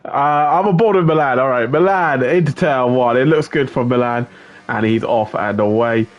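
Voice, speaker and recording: Male race commentator, mid pitch, chatty, greets the chat by name, lots of ums and uhs. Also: moderate pace, dull audio. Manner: chatty, greets viewers by name, filler-heavy. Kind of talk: live sim-racing stream commentary.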